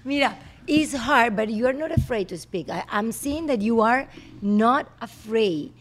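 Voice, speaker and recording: Woman, podcast host, high voice, teasing, casual. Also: expressive. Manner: teasing, quick, laughs easily.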